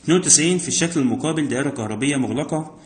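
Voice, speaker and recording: In an echoey room, a man whose voice is a little high talks rapid-fire through physics exam problems. His Egyptian Arabic accent is clear as he goes step by step, raising questions and answering them himself.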